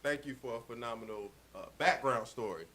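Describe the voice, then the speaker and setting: A man's voice: mid-range voice, fairly quick, bright, forceful tone, a little hiss or hum. A man hosting a radio interview, upbeat and playful, repeating his words. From Atlanta, United States. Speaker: radio show host.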